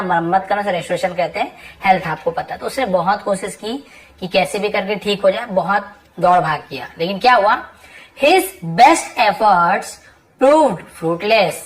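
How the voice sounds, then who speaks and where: A woman English tutor explaining a passage word by word, reading each English phrase slowly and then going over it patiently and repetitively. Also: medium pitch, poor audio. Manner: patient, repetitive teacher talk with frequent checks like "ठीक है".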